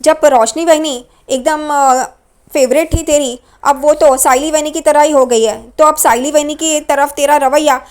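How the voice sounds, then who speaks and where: A woman voicing a teasing young man who pokes fun with hesitant pauses. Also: sits high, fairly even intonation. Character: cheeky young man teasing his mother.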